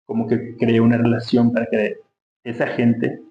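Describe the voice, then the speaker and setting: Speaking at a normal pace with a medium pitch and a totally flat delivery, an Ecuadorian-accented man chats informally as an interview guest, thinking aloud in a reflective way. The sound is roomy and dull, with a faint hum.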